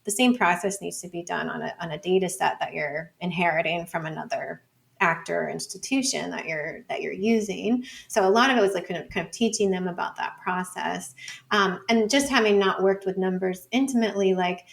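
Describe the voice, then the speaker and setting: Speaking a little fast in a lowish, creaky voice, a female interview guest, a data scholar and teacher, explains things informally and thinks aloud, dropping plenty of "like" and "you know."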